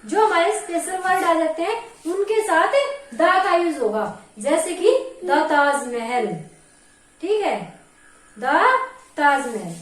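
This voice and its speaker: A woman's voice: very high-pitched, slow. A woman teaching an English grammar lesson for exam preparation, explaining simply, repeating key points and keeping checking with the class. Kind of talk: classroom lecture. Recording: very echoey room.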